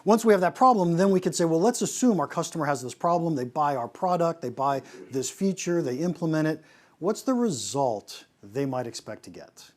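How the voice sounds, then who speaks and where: A man, a pricing consultant, giving an animated presentation on pricing, asking rhetorical questions and often restarting his sentences. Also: a little high, normal speed.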